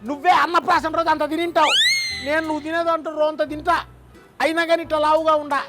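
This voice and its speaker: A woman's voice: sits high, little pitch movement, fast, natural voice. A woman voicing a plump young man who wails and complains melodramatically, speaking. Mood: self-pitying. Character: plump young man Kittu, whiny and self-pitying. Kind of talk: satirical news comedy skit. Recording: voice over loud background music.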